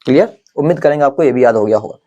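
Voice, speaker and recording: A man teaching a chemistry exam-prep lesson, checking in with "clear?" after each point and slowing right down to spell out memory tricks syllable by syllable. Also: mid-range voice, lively intonation, dark tone, highs cut off.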